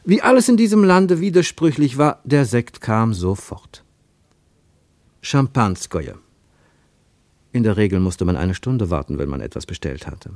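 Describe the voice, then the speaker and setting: A man narrating a radio drama expressively, with an animated storyteller's delivery. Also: lowish voice, a little slow, pauses often, no echo.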